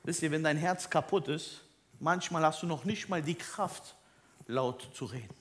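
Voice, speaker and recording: A man preaching a sermon, dropping to hushed near-whispers and rising to loud, emphatic questions. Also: on the high side, moderate pace. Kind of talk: sermon with soft piano. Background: soft instrumental music.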